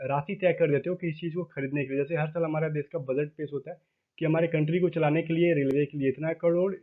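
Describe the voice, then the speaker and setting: A chatty man gives an exam-prep vocabulary lesson, his voice sitting a little high. He spells words out slowly letter by letter and keeps checking that his viewers are following. The sound is thin and tinny, like a phone line. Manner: chatty, addresses viewers as "भाई". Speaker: vocabulary teacher.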